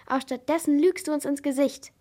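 A woman's voice: sits high, steady tone, brisk, warm tone, natural voice. A woman voicing a furious, vengeful rig worker. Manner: enraged, pressed out.

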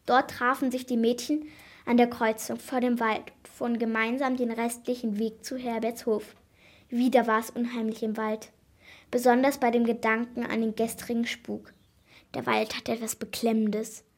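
A woman narrating a children's mystery audiobook in a steady, expressive storytelling voice. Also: on the high side.

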